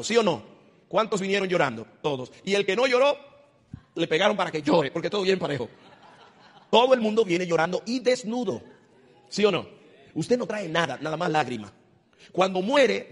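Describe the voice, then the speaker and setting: A male pastor preaching an animated sermon, acting out voices and rising to loud, high exclamations. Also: brisk. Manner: acts out voices of God and churchgoers. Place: church. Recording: long hall reverb.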